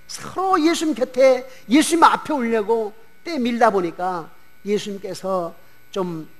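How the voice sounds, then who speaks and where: Animated high-voiced male pastor preaching. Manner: animated preaching, voices disciples and dialect speakers. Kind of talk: Sunday sermon. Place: church sanctuary.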